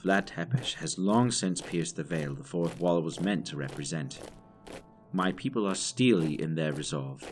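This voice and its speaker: A man playing a grave, weary older military doctor and leader in an audio drama, speaking in formal, measured phrases. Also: deep voice, expressive, soft background music. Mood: grave, apprehensive. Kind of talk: audio drama acting with journal narration.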